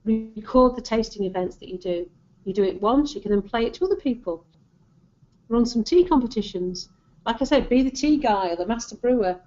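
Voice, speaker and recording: The recording is a little muffled and lo-fi. A woman with a Lancashire accent speaks in a fairly high voice. She presents marketing advice informally, sounding conversational and encouraging. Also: expressive, a little fast, dark tone. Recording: dull, lo-fi audio.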